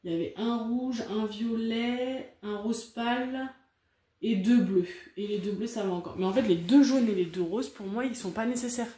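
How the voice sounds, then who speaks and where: A female craft vlogger reviews a diamond painting kit, chatting frankly and rambling to her viewers with plenty of fillers and repeated words. Her voice is on the high side and mellow, at a normal pace, in a reverberant space.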